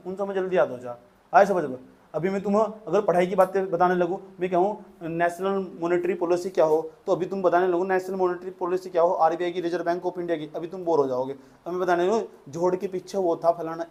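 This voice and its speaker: A man's voice: high-pitched, a little mellow. A man teaching a chemistry lesson, dictating notes and coaxing students with repeated questions. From India. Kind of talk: classroom lecture dictating notes.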